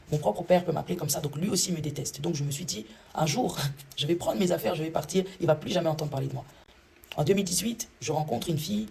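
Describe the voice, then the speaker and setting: Fast, gravelly woman. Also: low-pitched, warm tone, slight background noise. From Congo. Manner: earnest first-person storytelling. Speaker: vlogger giving a testimony. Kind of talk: personal faith testimony.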